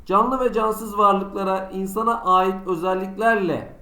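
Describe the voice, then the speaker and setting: A man's voice: high voice, fairly even intonation, unhurried, sharp tone, echoey room. A man teaching a school lesson online, asking himself students' questions and answering them in a chatty, teasing way. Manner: conversational, teasing examples. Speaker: Turkish teacher.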